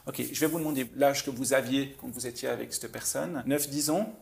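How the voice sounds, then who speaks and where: A man, a mentalist host leading a guest through a calm guided visualization with soft, hesitant instructions. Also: medium pitch, gravelly. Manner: soft, slow, suggestive instructions with hesitant restarts.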